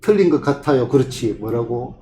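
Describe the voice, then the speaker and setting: A man's voice: medium pitch, animated, brisk, mellow. Man tutoring math in an echoey room. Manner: questioning, with frequent rhetorical check-ins. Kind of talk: classroom problem walkthrough. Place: tutoring classroom. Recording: echoey room with faint ambient noise.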